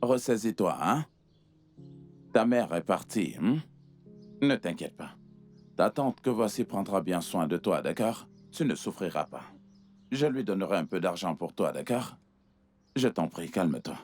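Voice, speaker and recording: A man's voice: low voice, expressive, a little slow, pauses often, darkish tone, soft background music. An actor dubbing a wealthy man who speaks soothingly and chuckles as he offers money. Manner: soothing and smooth-talking, chuckles between phrases. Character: wealthy older man, generous on the surface. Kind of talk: French dub of a film.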